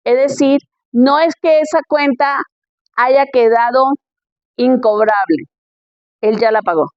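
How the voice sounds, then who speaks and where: High-voiced woman preaching. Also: slow, no echo, dull audio. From Colombia. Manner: reads Bible verses, checks in with "¿ok?".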